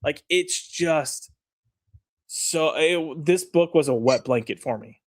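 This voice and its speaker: A man's voice: fairly high pitch, takes it slowly, no room sound, clean studio sound. A man co-hosting a casual comic review chat, frank and exasperated, rambling with fillers.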